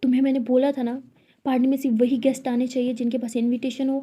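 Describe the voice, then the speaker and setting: A woman's voice: high-pitched, little pitch movement, fast, mellow. A woman voicing a young female boss who is short-tempered and commanding. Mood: scolding. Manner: commanding, then coaxing.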